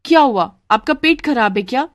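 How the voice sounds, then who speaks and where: A woman voicing a cheeky young newlywed daughter-in-law in a cartoon story, teasing and quick with back talk. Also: high voice, expressive, dry recording, clean studio sound, voice pushed up.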